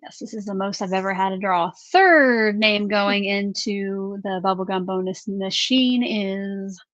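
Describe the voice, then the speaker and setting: A woman's voice: mid-range voice, measured pace, a bit bright, dry recording, highs cut off. A woman hosting a craft live stream in casual chat. She reads out viewer names and questions in an upbeat way.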